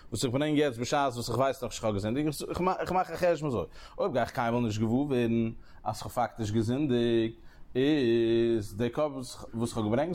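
A man giving a Talmud lesson at a steady, mid-range pitch. He works through each step in turn and lifts his voice sharply upward when he stresses a point. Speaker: Talmud teacher. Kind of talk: Talmud study lecture.

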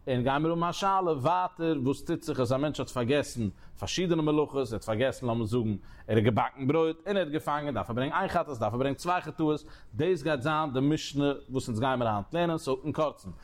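A man's voice: mid-range voice, a little fast. A man teaching a Talmud lesson in a sing-song learning cadence, often restarting his phrases. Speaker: Torah teacher.

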